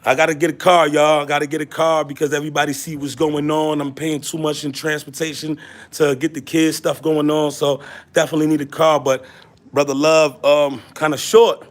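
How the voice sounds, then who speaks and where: A man from Haiti hosting a casual livestream, reading viewer comments and greeting people by name in an animated, repetitive way. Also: a little high, fairly quick. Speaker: livestream host.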